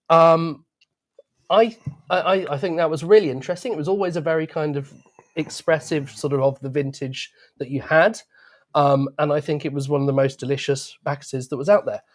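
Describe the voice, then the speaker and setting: A man speaking for a wine club, explaining wines in an enthusiastic, conversational way. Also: fairly high pitch.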